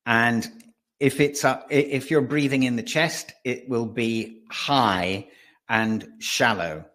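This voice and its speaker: As a guest on a webinar, this man, a voice and presence coach, explains breathing and voice. His medium-pitched voice is a bit bright, and he talks with animation, frequently restarting and slowing down to emphasize points.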